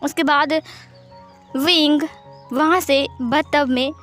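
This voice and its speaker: A woman's voice: high voice, steady tone, slow, fairly bright tone. A woman narrating a fan fiction story in a plain storytelling manner. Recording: faint background music.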